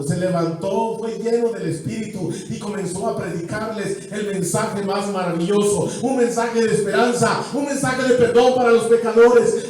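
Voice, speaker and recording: A male pastor with a Mexican accent preaching an evangelistic sermon, building through repeated phrases and falling back to quiet stretches. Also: sits high. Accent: Mexican Spanish. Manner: rhythmic preaching with repeated phrases, swelling and dropping. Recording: very echoey church hall, mic far off.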